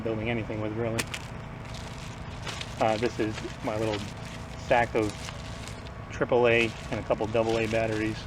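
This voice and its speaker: A man casually rambling through survival gear as a vlogger, offhand, his speech slightly off after having teeth pulled. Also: fairly low pitch. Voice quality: slightly impaired speech after tooth extraction. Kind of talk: casual product rundown to camera. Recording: distant mic, noisy outdoor ambience.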